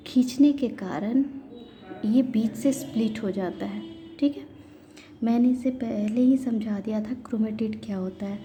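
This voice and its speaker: A woman teaching biology, explaining step by step in a patient lecture style with frequent pauses. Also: on the high side, dark tone. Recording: faint background noise.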